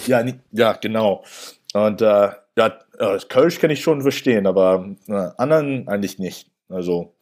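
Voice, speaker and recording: A young New Yorker whose first language is English speaks German as an interview guest, his fairly low voice carrying an American accent. He halts, restarts, and fills gaps with "äh" a lot, though the chat feels relaxed.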